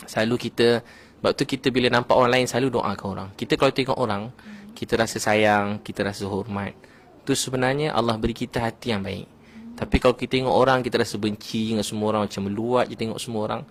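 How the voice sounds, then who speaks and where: A Malaysian man giving a casual religious talk, telling stories in an animated way with many "ha" fillers. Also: mid-range voice, slight background noise. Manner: animated storytelling, frequent "ha" fillers. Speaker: religious preacher.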